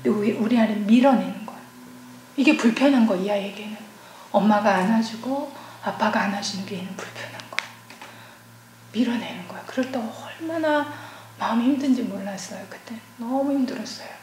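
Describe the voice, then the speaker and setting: A woman's voice: a little high, a little fast, slight background noise. Earnest woman's church testimony, echoey hall. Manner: earnest, often dropping to a hushed, near-whispered voice. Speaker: church deaconess giving testimony. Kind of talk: personal testimony at a church seminar.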